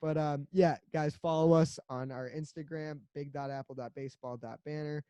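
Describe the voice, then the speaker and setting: Male podcast co-host, casual sports banter, joking and rambling, a little higher pitched, dry recording. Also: fairly even intonation, normal speed, mellow, clean tone, no echo. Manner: rambling, joking, laughs often.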